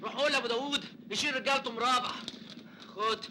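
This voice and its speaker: A brash young Egyptian tough. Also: male voice, very high voice, rapid-fire, background noise. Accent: Egyptian Arabic. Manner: proud, defiant, streetwise. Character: proud young working man, defiant, stubborn. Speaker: hero of an old film. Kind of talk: classic film acting.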